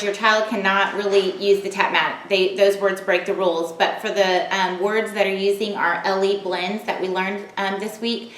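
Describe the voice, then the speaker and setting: A woman teaching a recorded phonics lesson, sounding out words slowly and clearly and encouraging the children. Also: mid-range voice, a bit bright, echoey room. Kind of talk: recorded home-learning lesson.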